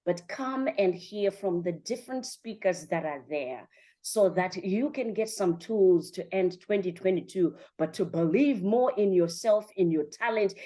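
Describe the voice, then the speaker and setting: A podcast host and coach runs a motivational interview in a fairly low, slightly mellow voice. She speaks emphatically and encouragingly, stacking up repeated phrases.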